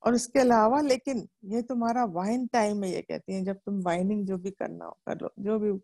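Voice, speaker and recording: A middle-aged woman from India explains a self-help book to her viewers. She talks chattily, poses questions and answers them herself, and acts out the lines she quotes. Her voice is mellow and soft at the edges. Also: medium pitch, fairly even intonation, moderate pace, gravelly.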